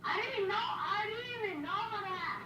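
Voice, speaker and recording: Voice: very high voice, expressive, a little slow, pushed and bright. A child chatting casually while playing a video game. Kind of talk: casual gaming chat. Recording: echoey room, distant mic, faint noise.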